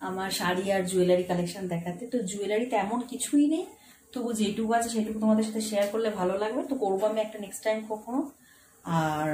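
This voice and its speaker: A woman's voice: mid-range voice, darkish tone. A young woman, talking to her viewers in a casual phone vlog from home, earnest and a little repetitive. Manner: earnest, speaks straight to viewers, repeats herself. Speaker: vlogger. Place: room at home. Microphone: phone camera. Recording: roomy echo with faint background hiss.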